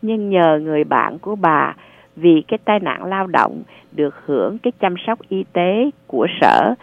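Low-voiced woman advisor on a tinny line. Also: big pitch swings, vocal fry, no echo. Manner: patient, measured, reassuring. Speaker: radio advisor on social services. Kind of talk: call-in advice, explaining benefits. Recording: narrow phone-like sound.

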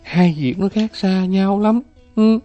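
A man's voice: sits high, dark tone, dull audio, faint music behind, pitched above the performer's own voice. A man voicing a weary, heartbroken young woman who speaks hesitantly. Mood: reluctant. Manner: hesitant, halting, stammers.

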